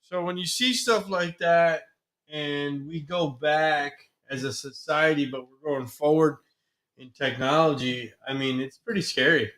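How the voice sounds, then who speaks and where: A man's voice: a little high, unhurried, fairly bright tone, faint music behind. A man co-hosting a casual talk show, rambling and trailing off as he talks. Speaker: podcast co-host. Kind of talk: casual chat.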